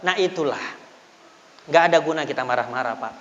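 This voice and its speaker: A male preacher, telling animated stories in a sermon and calling his listeners "Pak". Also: medium pitch, a little fast. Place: prayer hall. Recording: reverberant hall, dull lo-fi audio.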